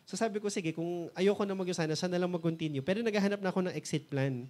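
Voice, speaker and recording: A man's voice: high-pitched, fast, a little mellow. Filipino man telling a story, mixing Tagalog and English. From Philippines. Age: 30s. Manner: storytelling, switches between Tagalog and English, acts out remembered dialogue. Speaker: mentor and motivational speaker. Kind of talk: personal success story talk.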